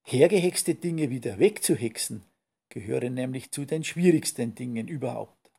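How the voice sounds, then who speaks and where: A man reading a children's story aloud in a slow, playful storytelling manner. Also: mid-range voice, animated, gravelly, dark tone, slightly rough. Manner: slow, playful rhyming delivery.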